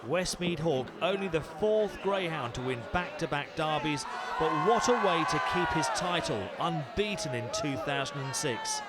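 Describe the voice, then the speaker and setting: A man's voice: a little high, expressive, moderate pace, over a noisy crowd, heavy background noise. A man narrating a sports review programme in a polished, emphatic voice-over. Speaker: programme presenter.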